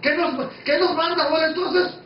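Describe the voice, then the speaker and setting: A man's voice: extremely high pitch, fairly even intonation, normal speed, very echoey, recorded from a distance, highs cut off, slight background noise. A man preaching a Bible study, emphatic and conversational, who keeps asking his listeners questions.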